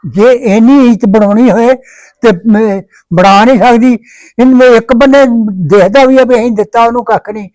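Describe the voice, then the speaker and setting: Man, high voice, fatherly, grumbling, advising, dry sound. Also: a little mellow, no room sound, poor audio. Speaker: father in family drama. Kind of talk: casual Punjabi family vlog acting.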